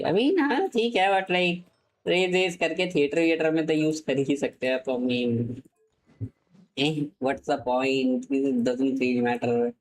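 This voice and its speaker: A young man from India streaming a game live, with an Indian English accent, excitable and cursing, switching between Hindi and English mid-sentence. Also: medium pitch, rough recording. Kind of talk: live gaming stream commentary.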